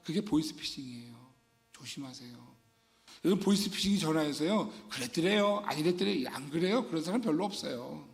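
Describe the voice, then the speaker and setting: A man's voice: on the high side, lively intonation, a little fast, creaky. A man preaching a sermon as pastor, fervent and dramatic, acting out scenes for his congregation. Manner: fervent preaching, acts out weeping Mary. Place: church sanctuary. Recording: long church-hall reverb.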